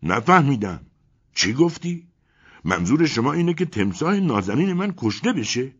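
A man voicing a frantic, greedy German menagerie owner who wails and blusters loudly. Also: mid-range voice, big pitch swings, slightly rough, highs cut off, pitched above the performer's own voice. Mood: indignant. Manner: loud wailing cries, blustering demands.

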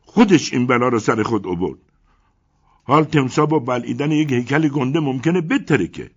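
A man voicing a frantic, greedy German menagerie owner who wails and blusters loudly. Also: mid-range voice, very animated, slightly rough, muffled recording, voice pushed up. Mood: indignant. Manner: loud wailing cries, blustering demands.

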